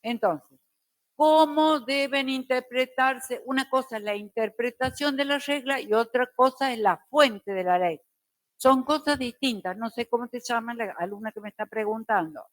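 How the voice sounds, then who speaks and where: A middle-aged woman teacher, lecturing a class slowly and deliberately with careful diction. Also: on the high side, no echo.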